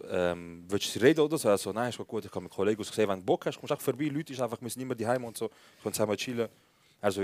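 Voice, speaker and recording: A young man with a Swiss German accent, co-hosting a live comedy podcast and telling slangy, animated anecdotes full of acted-out dialogue. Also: fairly low pitch, dry recording. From Switzerland. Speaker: podcast co-host.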